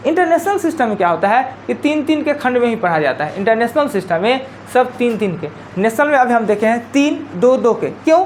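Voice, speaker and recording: A woman teacher with a Bihari Hindi accent lectures a live class in a fairly high voice. She counts digits aloud one by one and repeats each rule as she goes. A faint room hum sits behind her. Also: sing-song, a little fast, few pauses. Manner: explains step by step, counting digits aloud and repeating key points.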